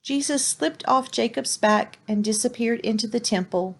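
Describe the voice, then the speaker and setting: Brief: female storyteller, slightly high voice, clear and expressive read-aloud for kids. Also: normal speed.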